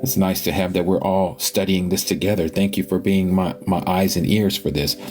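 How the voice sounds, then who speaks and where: A man hosting a live scripture study, reading passages aloud and thinking out loud as he stops to check pages and look up words. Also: deep voice, fairly even intonation, moderate pace, soft background music. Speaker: online scripture study host.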